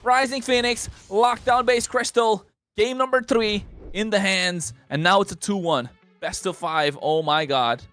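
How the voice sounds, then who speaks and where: A man casting a mobile esports match live, with rapid, excited play-by-play calls and chants. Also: sits high, faint music behind. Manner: excited, fast-paced calls with wordplay. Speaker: esports caster. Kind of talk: play-by-play commentary.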